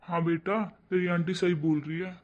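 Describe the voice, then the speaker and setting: A man voicing a kindly, gentle uncle in a cartoon, slow and reassuring. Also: sits high, flat delivery, lo-fi sound, natural voice. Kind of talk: cartoon voice acting.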